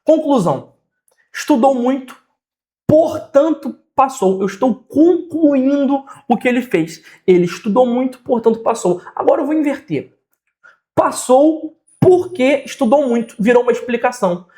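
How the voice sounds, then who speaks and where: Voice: high voice, lively intonation, moderate pace, warm tone. A teacher with a Brazilian Portuguese accent giving a grammar lesson, patiently repeating examples and often checking in with the listener.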